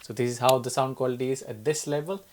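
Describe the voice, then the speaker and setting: A man demonstrating microphones in a casual video, explaining step by step with frequent restarts, his loudness jumping up and down from uneven auto gain. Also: mid-range voice, fairly even intonation, fast talker, a little hiss or hum. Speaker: gear reviewer. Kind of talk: casual product demo. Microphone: wireless lapel mic and handheld recorder.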